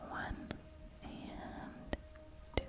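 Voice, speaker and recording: A woman whispers softly and very close to the mic as she narrates her own gameplay in ASMR style. She takes her time, with long, unhurried phrasing. The voice is breathy and gentle, as if murmuring to herself. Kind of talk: whispered ASMR game commentary. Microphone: close-up microphone.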